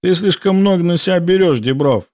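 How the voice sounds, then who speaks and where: A man reading an audiobook puts on a scornful young cadet, sarcastic and grumbling, his voice pitched a little above the narrator's own. The delivery is dry and close, with lively swings in tone. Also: unhurried, no echo. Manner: sneering, grumbling.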